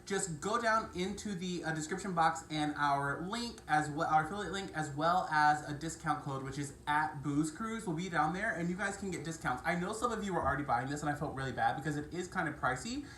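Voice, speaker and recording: A low-pitched woman chatting excitedly through a cereal review, rambling into asides and fillers. She speaks into a camera mic in an echoey room, and a faint hum of ambience sits underneath her voice. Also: fairly quick, hardly any pauses. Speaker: food review vlogger. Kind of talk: casual product review to camera.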